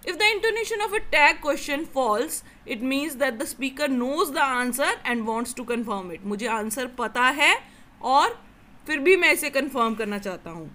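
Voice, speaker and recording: A young woman with an Indian accent teaching English grammar. She reads each rule slowly in English and then explains it quickly in Hindi. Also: high-pitched, lively intonation, bright, forceful tone. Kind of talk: classroom lesson explaining grammar.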